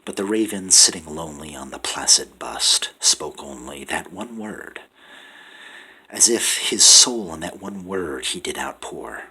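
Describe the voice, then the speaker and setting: Low husky guy doing a dramatic poem reading, lots of whispering, sharp edgy tone. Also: animated, measured pace, rough recording. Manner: hushed, often whispering, swelling to loud pleading. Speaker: poetry reader. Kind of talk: dramatic poetry recitation.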